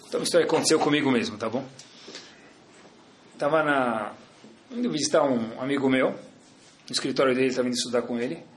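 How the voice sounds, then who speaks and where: A man teaching a Torah lesson, telling a story in an animated way and speaking directly to his listeners. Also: mid-range voice, quick pace, long pauses, a little hiss or hum. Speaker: rabbi teacher. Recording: echoey room.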